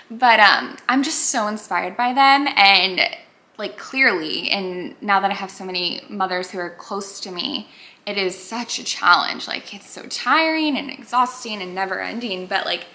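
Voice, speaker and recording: A woman YouTuber in her twenties chats casually to camera for a get-to-know-me vlog. Her medium-pitched voice sounds pushed and bright, and she's bubbly, with plenty of filler words.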